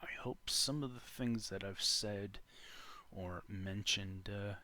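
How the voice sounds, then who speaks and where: A man vlogging in a casual, halting way, often pausing to search for his words. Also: on the low side, fairly even intonation, pushed and bright. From Canada. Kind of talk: casual talk to camera.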